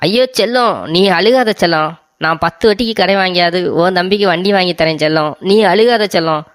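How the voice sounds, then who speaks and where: A voice actor playing a spineless young husband in an animated story, fawning over and soothing his wife. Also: medium pitch, a little fast, smooth, dry recording, clean studio sound, close to an everyday voice. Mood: doting.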